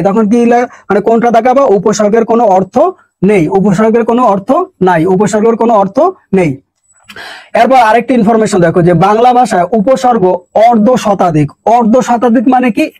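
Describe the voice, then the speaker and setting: A man's voice: high voice, a little mellow, dry recording, poor audio. A male teacher from Bangladesh, giving an exam-prep grammar lesson and repeating questions and answers as drills.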